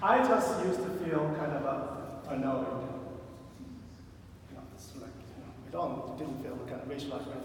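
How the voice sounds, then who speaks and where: A man's voice: medium pitch, animated, normal speed, slight background noise. A middle-aged man with a Korean accent preaching a sermon in a conversational, storytelling way with wry humor and frequent fillers. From South Korea. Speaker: pastor. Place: large church sanctuary. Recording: distant, echoey church hall.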